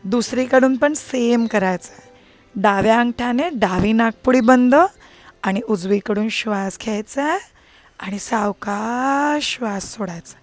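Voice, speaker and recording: A woman teaching prenatal yoga and breathing, speaking calmly and slowly, sometimes nearly whispering. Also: a little high, soft background music. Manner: calm, slow, soothing, at times near a whisper. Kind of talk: guided breathing and yoga instruction.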